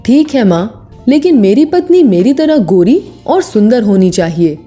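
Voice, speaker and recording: A woman's voice: on the high side, sing-song, a little slow, mellow, faint music behind. A woman voicing a vain young man in a storybook, speaking in a demanding way.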